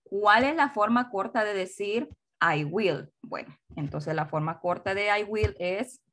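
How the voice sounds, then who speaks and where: A woman teacher gives a recorded lesson at a slow, unhurried pace. She explains patiently and drills every form over and over. Her voice sits at a middle pitch. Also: lively intonation, a bit bright. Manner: slow, repetitive drilling of pronunciation; explains patiently, switching between two languages. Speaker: English teacher.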